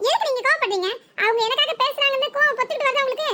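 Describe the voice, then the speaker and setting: A performer voicing a sharp-tongued, defiant young village wife in a cartoon, with a southern Tamil Nadu accent and a mocking way of talking. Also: very high voice, rapid-fire. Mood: indignant. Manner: taunting, mocking. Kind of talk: cartoon voice acting.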